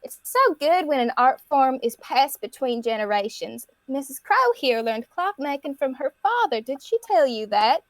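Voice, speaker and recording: A woman voicing a chatty, nosy old village woman who talks loudly, as if a little deaf. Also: high-pitched, very animated, moderate pace, few pauses, no echo. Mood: fussing. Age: older. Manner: loud, fussing, nosy.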